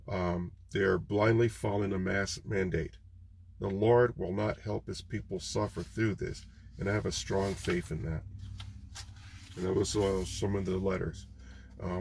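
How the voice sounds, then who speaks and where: A man's voice: fairly low pitch, vocal fry, slightly rough. A man running for office, talking to camera in a loose, conversational campaign vlog, with many ums and restarts. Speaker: political candidate.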